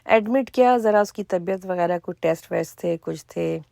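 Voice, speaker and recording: A middle-aged woman, chatting casually in a cooking vlog, hoarse for now and full of chatty asides. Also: fairly low pitch, warm tone, no room sound, studio quality. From Pakistan. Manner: chatty, storytelling with asides and quoted dialogue. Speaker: vlogger.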